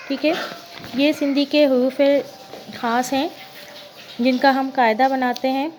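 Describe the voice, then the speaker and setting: A woman's voice: sits high, steady tone, a little hiss or hum. A young woman teacher giving an alphabet lesson to children, patiently sounding out each letter twice before giving an example word.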